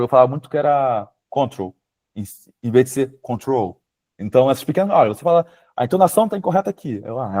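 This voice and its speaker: A man's voice: on the high side, dark tone. A man in his late twenties with a Brazilian Portuguese accent, speaking casually over a video call as a webinar guest, dotting his talk with fillers. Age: late 20s. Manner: informal, frequent fillers like "sabe?" and "tipo". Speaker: guest speaker, power systems engineer. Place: home, remote video call.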